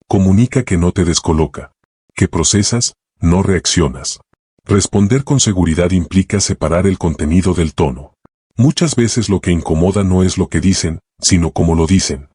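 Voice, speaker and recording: A man giving calm, measured scripted narration of an audiobook. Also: sits low, slightly rough, no room sound, studio quality. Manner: calm, measured, even delivery.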